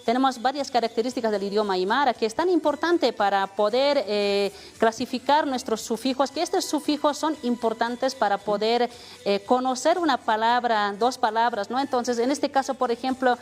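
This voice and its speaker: A woman's voice: a little high, normal speed. A woman from Bolivia teaching an Aymara language lesson on television. She explains patiently and often ends phrases with a questioning tag. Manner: explanatory, many "¿no?" tags, mixes Spanish and Aymara.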